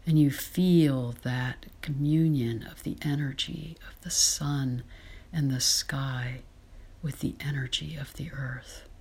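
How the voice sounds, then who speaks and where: A woman guides a meditation in a soft, breathy whisper. Her voice sits very low and drifts along at an unhurried pace. The tone is husky and airy, calm and soothing throughout.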